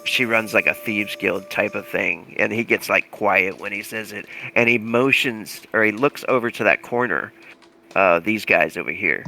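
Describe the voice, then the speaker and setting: Gravelly-voiced man running a tabletop game. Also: on the low side, normal speed, bright, forceful tone, a little hiss or hum. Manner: loose and rambling, many fillers. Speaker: game master.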